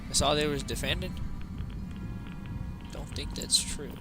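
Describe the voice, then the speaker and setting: A man's voice: a little high, unhurried. A tired man casually commenting on his game as he plays, thinking aloud and reading out menu options. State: tired, yawning. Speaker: gaming livestreamer. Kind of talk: casual let's-play commentary. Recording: game music playing behind the voice.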